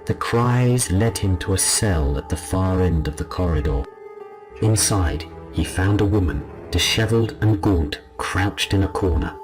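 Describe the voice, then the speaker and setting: A man narrating a scripted scary story as a storyteller, in a low, haunting and ominous delivery. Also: a little slow. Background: music behind the voice.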